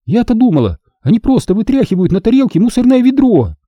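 A man voicing a hot-tempered teenage girl Jedi apprentice in an audiobook, quick to argue and indignant. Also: high-pitched, big pitch swings, slightly rough, no echo, dull audio, pitched above the performer's own voice, heavily acted. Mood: teasing. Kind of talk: audiobook character voice.

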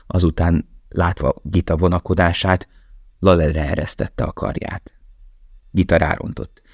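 Deep-voiced male audiobook narrator. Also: darkish tone, no room sound. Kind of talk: scripted narration.

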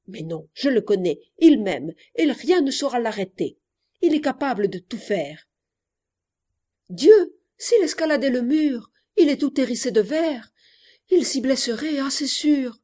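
A woman's voice: fairly high pitch, warm tone, slightly rough. Woman reading as impulsive teenage girl in verse. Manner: theatrical, declaiming in rhymed verse. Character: impulsive seventeen-year-old girl eager to elope.

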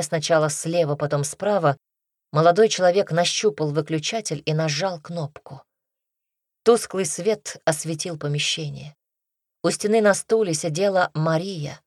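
A woman narrating an audiobook in a measured, even storytelling manner, close to the mic. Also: lowish voice, dry recording. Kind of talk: scripted narration.

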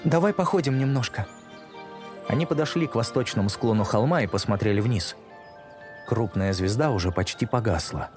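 Guy reading a kids fantasy audiobook, steady and measured, music bed behind. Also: fairly low pitch. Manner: measured, slowing for dramatic moments. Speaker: narrator. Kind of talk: audiobook narration. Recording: music bed under narration.

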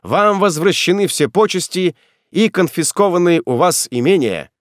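A man's voice: sits high, expressive, normal speed, dry recording, clean studio sound, voice pushed up. A man voicing an old general delivering formal announcements in an audiobook.

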